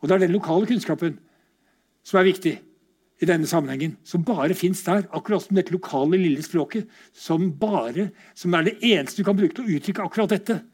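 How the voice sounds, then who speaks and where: Higher-pitched man giving a lively lecture. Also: slightly rough. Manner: lively, conversational, asks rhetorical questions. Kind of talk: informal lecture with slides.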